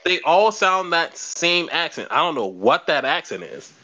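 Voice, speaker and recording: A man's voice: fairly high pitch, big pitch swings, measured pace, pushed and bright. A young man hosting a podcast, chatting casually and bluntly, swearing and repeating words as he thinks. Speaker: podcast host. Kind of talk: casual chat.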